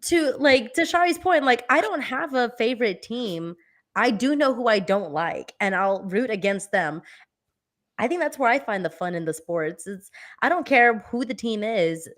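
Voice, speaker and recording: A woman's voice: a little high, animated, moderate pace, a bit bright. A woman co-hosting a casual live podcast, telling rambling stories full of "like" and swearing for emphasis. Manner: rambling storyteller, heavy use of "like", swears for emphasis. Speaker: podcast co-host.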